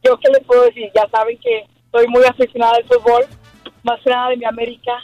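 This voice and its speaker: A woman calling in to a sports radio show, hoarse from yelling, chatting casually as a fan. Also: fairly high pitch, flat delivery, quick pace, no echo. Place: on a phone call to a radio show. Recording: dull band-limited phone line, music behind.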